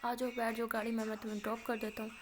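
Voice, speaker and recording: A woman's voice: fairly high pitch, monotone, over music, natural voice. A woman voicing a bossy uncle, an adult man who speaks firmly and insistently. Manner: firm, insistent.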